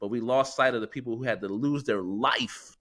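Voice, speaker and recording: Speaking a little fast in a mid-range, fairly bright voice, a middle-aged podcast co-host from the United States reflects earnestly during a casual chat. He leans on plenty of fillers.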